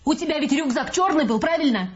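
A woman doing a shrill, bossy, quarrelsome passenger. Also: lively intonation, quick pace. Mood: triumphant. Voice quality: shrill and scolding. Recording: muffled audiobook recording, faint music.

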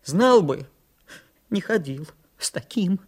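A man's voice: very high-pitched, lively intonation, takes it slowly, pitched above the performer's own voice, full character voice. A man reading a storybook voices a whiny, frightened little boy with a wailing, trembling voice. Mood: sulky grumble.

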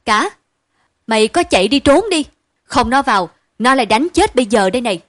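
A woman's voice: a little high, lively intonation, moderate pace, dry recording, clean studio sound, natural voice. Woman doing a frantic doting mother. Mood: panicked. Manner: wailing, pleading, loud. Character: fretful doting mother, easily panicked.

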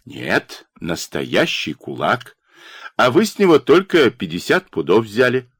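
A male reader voicing an arrogant party official in a harsh, curt and mocking manner, with lively pitch in a dry studio recording. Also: unhurried, slightly rough, no echo, exaggerated voice. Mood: domineering. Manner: curt, domineering and sarcastic.

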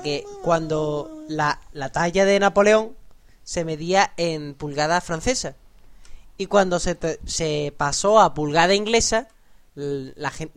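Lively high-voiced podcast man. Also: moderate pace. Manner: lively storyteller, peppers talk with "¿vale?" and slang. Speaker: podcast co-host. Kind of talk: casual podcast chat about history.

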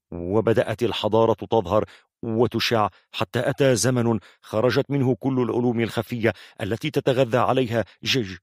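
A man's voice: lowish voice, a little mellow, no room sound, clean studio sound, close to an everyday voice. A man voicing a nervous male storyteller of hidden lore who stammers heavily on his first sounds. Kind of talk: audiobook character voice.

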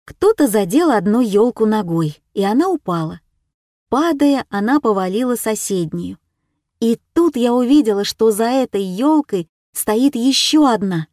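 A woman's voice: on the high side, expressive, measured pace, darkish tone, no room sound, clean studio sound. Woman reading a children's story aloud. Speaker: narrator.

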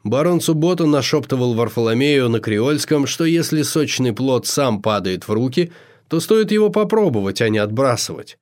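Man, audiobook narrator, scripted narration, measured, expressive, mid-pitched.

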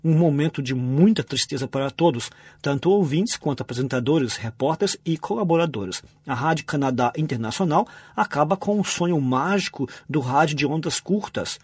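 A man's voice: on the high side, normal speed, few pauses, a little mellow, breathy edge, no room sound. A man hosting a radio programme, presenting from a script.

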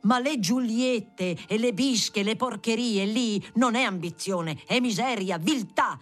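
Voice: medium pitch, animated, moderate pace, darkish tone, lightly acted. A reader voicing a stern, irritable middle-aged politician who used to be a factory worker and speaks curtly. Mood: angry. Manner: curt, then bursting into angry lecturing. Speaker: audiobook reader.

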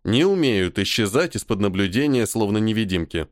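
A stubborn, sullen army major, as a male audiobook reader puts him on, keeping his replies formal but caustic. His pitch moves freely and the sound is dry and close-miked. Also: animated, a little fast, no echo, natural voice. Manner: gloomy, stubborn, sarcastic. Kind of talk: audiobook character voice.

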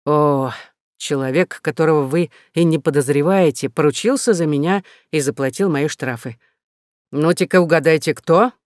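A man's voice: a little high, normal speed, dry recording, studio quality, close to an everyday voice. A man reading a novel aloud, voicing a blunt, proud old peasant carpenter. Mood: teasing. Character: old peasant carpenter Jean, gruff and hearty.

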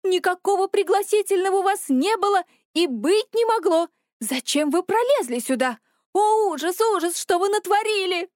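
A woman's voice: high-pitched, normal speed, darkish tone, no echo, studio quality, lightly acted. A woman voicing a fussy, fretful little official who wails and frets breathlessly. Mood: flustered wailing. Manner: wailing, breathless, flustered.

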